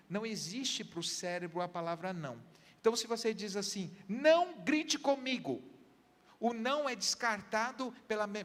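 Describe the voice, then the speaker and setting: A guest pastor with a Brazilian Portuguese accent and a high-pitched, slightly bright voice offers earnest counseling advice on a church program, illustrated with everyday examples. The audio has a long reverb tail.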